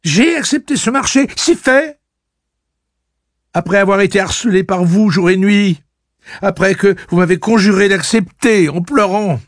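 A man reading aloud voices a furious, defiant young woman who shouts her accusations in a shrill voice. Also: measured pace, dry recording, studio quality. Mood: raging.

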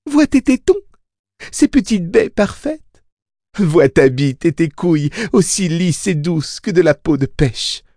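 A man's voice: on the high side, lively intonation, measured pace, warm tone, no room sound, studio quality, pitched above the performer's own voice. A man voicing a crazed new mother who croons and shrieks over her baby, in an audiobook. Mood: crooning. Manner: crooning then shrieking, breathless.

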